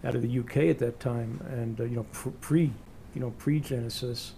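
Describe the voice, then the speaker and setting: A man's voice: mid-range voice, steady tone, a little fast, gravelly, dark tone, slight background noise. A man in his sixties hosting a casual interview, chatty and rambling with many fillers. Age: 60s. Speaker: interview host.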